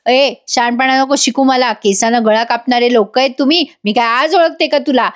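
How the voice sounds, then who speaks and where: A jealous young woman with a sharp, sarcastic tongue, read out by a woman narrator. She sneers and scolds, voice pitched high. Every line drips with spite. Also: normal speed, natural voice. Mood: threatening.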